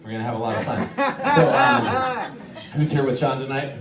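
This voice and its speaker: A man hosting a live stage hypnosis show, giving commanding, repetitive instructions with drawn-out phrases. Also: mid-range voice, huge pitch swings, recorded from a distance. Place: live show venue with audience. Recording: echoey live stage, crowd noise.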